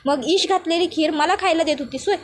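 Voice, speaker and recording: A woman voicing a nosy, excitable older village aunt with rustic speech. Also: very high voice, brisk. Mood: alarmed.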